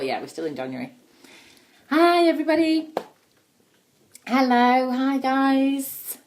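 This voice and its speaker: In a slightly high, darkish voice, a woman from Yorkshire in northern England hosts an informal live baby play demo at home. She chats and explains things from inside her family house, her northern English accent clear throughout.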